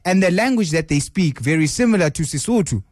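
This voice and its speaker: Brief: enthusiastic male radio host, fairly high voice, dry studio sound. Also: expressive, brisk, a little mellow, no room sound. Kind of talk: radio interview.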